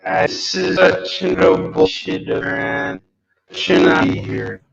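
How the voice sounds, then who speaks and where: A man joining a podcast remotely, his glitchy call audio breaking up, slowed and warped, so his speech comes out halting and drawn out. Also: high-pitched, wildly swooping pitch, gravelly. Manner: halting, drawn-out speech through the lagging connection. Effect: glitchy broken-up call audio, slowed and warped. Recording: muffled, very echoey call line with faint music.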